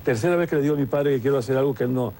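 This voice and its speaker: In a conversational interview, a TV presenter from Venezuela tells stories reflectively, with many restarts. His mid-range voice has a dark tone and moves very fast, and slight background noise can be heard.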